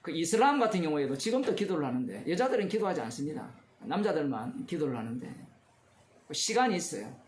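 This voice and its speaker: Lively Korean pastor preaching in an echoey room. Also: male voice, fairly high pitch, quick pace. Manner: conversational, asks the congregation questions, chuckles. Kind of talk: expository sermon. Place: church.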